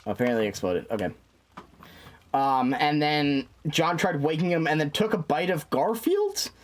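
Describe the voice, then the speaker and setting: A man's voice: on the high side, sing-song, normal speed. A man streaming a game, chatting casually, swearing and muttering to himself. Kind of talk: casual livestream chat.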